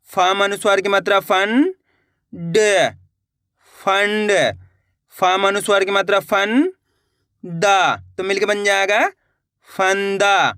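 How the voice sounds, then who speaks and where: A man teaching Hindi reading online, sounding out syllables slowly and then explaining in a brisk, coaxing way, addressing viewers as friends. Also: sits high, pushed and bright, smooth, studio quality. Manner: addresses viewers as friends, repeats words for them to echo.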